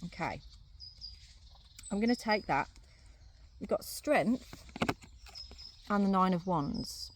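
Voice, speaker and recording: A woman reading runes and tarot cards, thinking aloud in a casual, musing way with many pauses and fillers, chewing gum as she talks. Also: medium pitch, animated, background noise. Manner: chewing gum while talking. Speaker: rune and tarot reader. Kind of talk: casual card reading to camera. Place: outdoors on a sunny day, crickets behind.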